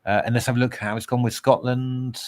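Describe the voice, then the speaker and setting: A man's voice: medium pitch, little pitch movement, a little fast, darkish tone. A man commentating live on a chess game in a casual way, hesitating with lots of fillers and restarts.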